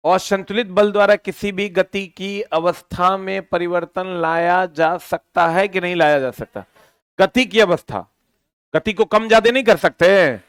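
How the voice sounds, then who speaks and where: A man teaching a physics lesson, lively and constantly quizzing his students with repeated questions. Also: high voice, a little slow, clean tone, no echo.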